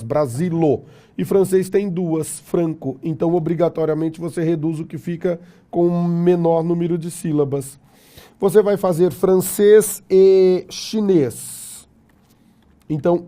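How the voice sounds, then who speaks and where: A Brazilian man lecturing a class in an unhurried, deliberate way. His voice is very dark and mellow, though it sits a little high for a man. He keeps it lively and jokey, tossing rhetorical questions at the room. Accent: Brazilian Portuguese. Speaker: teacher.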